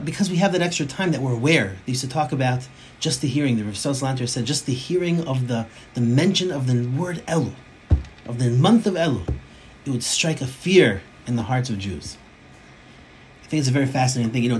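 A man giving a Torah class from his home office, talking in an animated way, restarting phrases and mixing in Hebrew terms. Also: medium pitch, slight background noise, rough recording.

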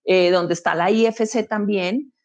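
A woman's voice: mid-range voice, steady tone, unhurried, lo-fi sound. Woman, executive guest, interview, emphatic, anecdotal, rhetorical questions. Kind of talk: conversational interview.

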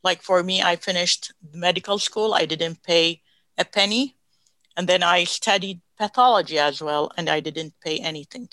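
Bright-voiced Iraqi woman physician. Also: fairly low pitch, moderate pace, dry recording. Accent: Iraqi Arabic. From Iraq. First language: Arabic. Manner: earnest, with restarts and non-native grammar. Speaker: guest, physician. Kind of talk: reading and interview answers.

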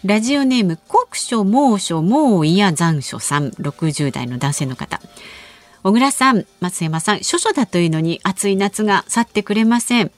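A woman's voice: medium pitch, animated, moderate pace. A woman co-hosting a radio talk show, reading listener mail and chatting with a laugh. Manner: bright, laughs easily, reads listener mail. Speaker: radio announcer co-host. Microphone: studio microphone.

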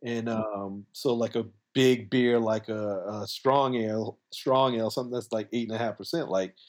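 A man's voice: lowish voice, steady tone, normal speed. Man, casual and conversational. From coastal South Carolina, US. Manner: conversational, colloquial, frequent "like" and "you know". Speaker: podcast guest, brewer. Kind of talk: casual explanatory interview talk.

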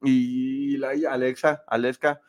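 A man hosts a casual live show, reading viewer comments aloud. He talks in a chatty, opinionated way, and his pitch swings up and down often. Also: little pitch movement, slow pace.

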